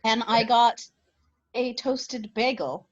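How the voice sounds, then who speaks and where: A woman's voice: fairly high pitch, slow pace, highs cut off. A woman playing her character at a tabletop game, cheerful and chatty. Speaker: player voicing Bruce.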